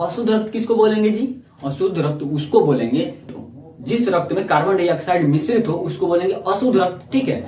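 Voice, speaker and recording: A man's voice: sits high, darkish tone. A man teaching a biology lesson, repeating each term and quizzing the listener as he goes. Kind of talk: classroom lesson. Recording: echoey room, voice from far off.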